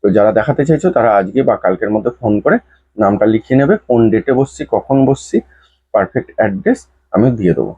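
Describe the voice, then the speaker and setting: A man's voice: on the low side, lively intonation, fast, warm tone, breathy edge. A man speaking to his viewers as an astrologer, patiently explaining a remedy and repeating each step. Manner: repetitive, patient explaining, addresses viewers directly. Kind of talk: instructional talk to viewers. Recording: dull lo-fi sound.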